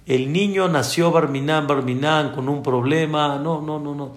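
A man's voice: on the high side, a little slow, reverberant, lightly acted. A man, acting out a doctor in a sermon anecdote. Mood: grave. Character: male doctor, urgent and dramatic.

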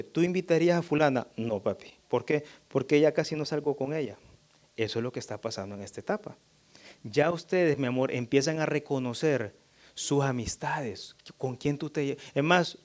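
A middle-aged man giving an emphatic, sermon-style talk on parenting, addressing the audience directly and jumping into high voices when he imitates children. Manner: animated, jumps up high when voicing children. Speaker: church speaker on parenting.

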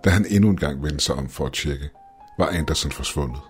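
A man narrating a scripted horror story in a measured, ominous way. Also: very deep voice, faint music behind.

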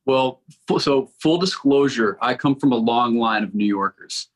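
A man in his forties from Connecticut answers as a podcast guest. His voice sits at an ordinary middle pitch, and he speaks in halting bursts, repeating words as he thinks. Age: 40s. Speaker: record label founder, guest. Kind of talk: casual interview chat.

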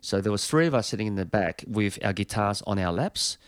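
A man's voice: on the low side, expressive, fairly quick, clean tone, dry recording, studio quality. A touring musician, a man, telling a long anecdote with a rambling manner full of fillers and restarts.

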